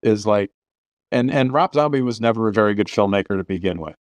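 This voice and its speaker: A middle-aged man with a somewhat low voice holds forth on movies in casual podcast talk. He circles back on his words and restarts sentences as he presses his points. The sound is dry and close. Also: lively intonation, brisk, no echo. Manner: opinionated, many restarts and repeated words. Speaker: podcast host. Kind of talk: casual film discussion.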